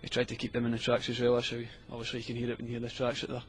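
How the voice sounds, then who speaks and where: A man's voice: mid-range voice, monotone, rapid-fire, slight background noise. A Scottish man guesting in a radio studio, talking casually and easygoing, often agreeing with "aye". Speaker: music producer guest. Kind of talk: casual radio interview chat.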